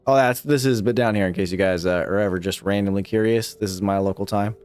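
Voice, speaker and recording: A man's voice: on the low side, steady tone, fast talker, darkish tone, a little hiss or hum. A young man streaming a video game live, chatting casually, laughing often and swearing freely. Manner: laid-back, swears a lot, laughs often. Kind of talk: casual live gameplay chat.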